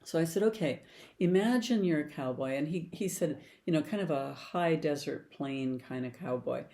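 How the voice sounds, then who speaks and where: Older woman, regression therapist, relaxed mellow tone, conversational teaching talk. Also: low-pitched, moderate pace. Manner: conversational, storytelling with client anecdotes. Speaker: past life regression therapist. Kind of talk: explanatory talk.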